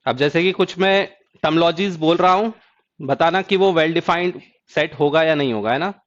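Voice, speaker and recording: High-voiced man teaching math. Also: muffled recording. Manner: asks students check questions; drawls key terms slowly. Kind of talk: exam-prep math lecture.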